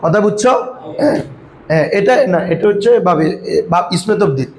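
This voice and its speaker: A man's voice: high-pitched, expressive, fairly quick, darkish tone, a little hiss or hum, rough recording. A man teaching Arabic grammar to a class, often quizzing his students and calling them "baba". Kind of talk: classroom lesson.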